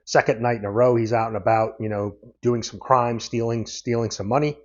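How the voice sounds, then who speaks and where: A man's voice: medium pitch, fairly even intonation, brisk. A man giving a casual comic book review, recapping the plot in a loose, meandering way. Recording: dull lo-fi audio.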